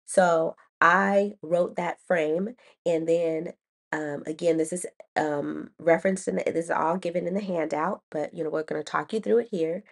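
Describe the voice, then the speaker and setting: A woman's voice: fairly low pitch, steady tone, moderate pace, vocal fry. A woman educator hosting a podcast, explaining a writing lesson in a chatty way, laughing at herself, with many ums and restarts. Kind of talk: casual teaching talk.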